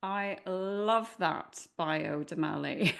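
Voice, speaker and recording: A woman's voice: on the low side, very slow, gravelly, fairly bright tone. A woman with an Irish accent co-hosting a podcast, upbeat and chatty as she introduces her guest. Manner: upbeat and chatty, reading a bio aloud. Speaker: podcast co-host. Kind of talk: casual interview conversation.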